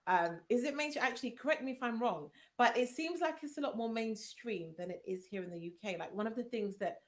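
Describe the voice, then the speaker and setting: A woman's voice: a little high, expressive, fairly quick. A woman hosting a live-streamed interview, chatty and upbeat with many fillers. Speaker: host.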